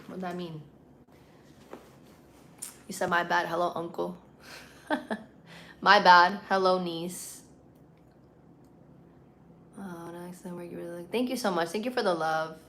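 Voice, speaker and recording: A woman's voice: on the low side, fairly even intonation, slow pace, pauses often, a bit bright, slight background noise. A woman with a Puerto Rican accent hosting a casual live stream, chatting with viewers in an informal, slangy, playful way. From Puerto Rico. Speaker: livestream host.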